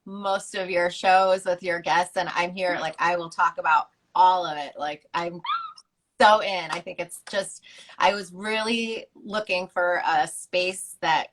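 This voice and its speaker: A woman's voice: on the low side, steady tone, measured pace, fairly bright tone. A young woman guest telling her story in a candid, chatty way on a casual live-stream interview. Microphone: video call.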